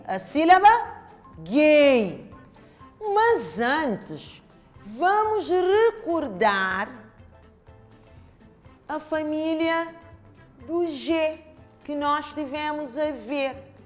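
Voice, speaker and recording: A woman with a European Portuguese accent teaching young children in a home-learning lesson, stretching out syllables with exaggerated emphasis. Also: sits high. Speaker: primary school teacher.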